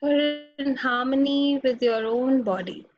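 A meditation teacher with an Indian accent guides a meditation in a fairly high female voice, giving slow instructions with long pauses between them. Soft music plays behind her, and the dry, dull, muffled audio sounds like it came through a video call on a webinar.

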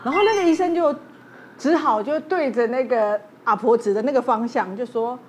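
A woman's voice: fairly high pitch, normal speed, a little hiss or hum. A woman with a Taiwanese Mandarin accent, a doctor guest on a TV talk show, telling a hospital story in a chatty way and imitating the people she quotes.

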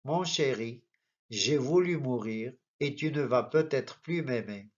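A man reading the part of a frightened but proud young woman facing death, in a quiet, earnest voice. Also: medium pitch, slow. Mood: fearful. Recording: dull lo-fi recording.

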